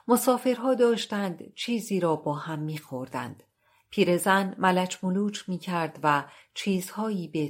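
Woman reading a story out loud, lowish voice, steady and unhurried. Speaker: narrator. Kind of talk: storybook narration.

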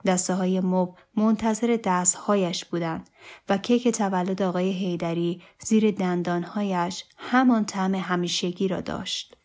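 A woman narrating a literary short story in a calm, measured, deliberate reading. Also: fairly low pitch.

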